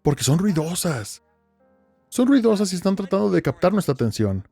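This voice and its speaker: A man's voice: high-pitched, sing-song, normal speed, gravelly, mellow, husky, faint music behind. A man preaching a sermon as pastor, emphatic, with rhetorical questions and repetition.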